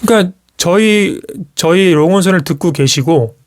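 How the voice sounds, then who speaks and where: Animated man telling a personal story. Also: high voice, moderate pace. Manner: animated storytelling, acts out quoted parents; frequent restarts, casual speech. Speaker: YouTuber. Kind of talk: live-stream talk to viewers.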